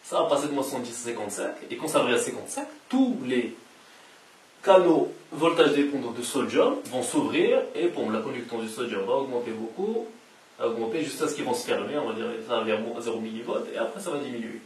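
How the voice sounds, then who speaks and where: Speaking briskly, a male science educator walks through a casual lecture one step at a time, coming back to the key terms again and again. His voice sits in the mid-range but swings widely in pitch, and the audio is echoey and hissy, picked up from a distant mic.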